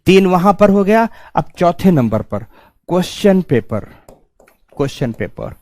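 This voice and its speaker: A man's voice: sits high, sing-song, unhurried, a little mellow, no room sound. A male teacher giving a stern exam-prep lecture, scolding students and repeating key points for emphasis.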